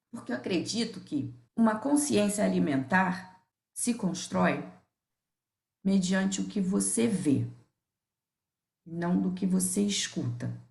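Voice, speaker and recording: A middle-aged Brazilian woman speaks with a gravelly, fry-tinged voice. She is an easygoing podcast guest who tells stories from home and laughs often. Her voice carries a noticeable room echo. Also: mid-range voice, slow pace, pauses often. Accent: Brazilian Portuguese. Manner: lively, laughs often, acts out remembered dialogue. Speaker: guest, nutritionist and professor. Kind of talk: candid conversational storytelling. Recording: roomy echo.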